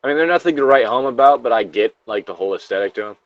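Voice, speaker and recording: This man co-hosts a casual read-along of internet horror stories, joking and swearing between lines. His medium-pitched voice is animated and racing, captured in a dry recording with the highs cut off.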